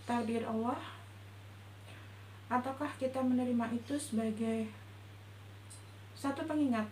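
A woman with a high voice gives a gentle, measured religious talk in a roomy indoor space. A faint hum sits under her voice, and the sound has some echo. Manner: gentle, reflective, measured delivery. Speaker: religious teacher. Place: indoor room before a patterned cloth backdrop.

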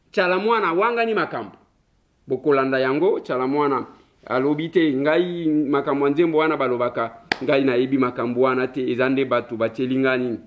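A man's voice: on the high side, lo-fi sound. A man hosting a political talk show, chatting casually between French and Lingala, joking and repeating himself.

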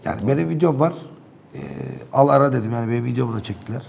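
A man's voice: mid-range voice, very fast, gravelly, a little mellow, a little hiss or hum. A man in a local TV studio, animatedly and indignantly recounting events in heated talk.

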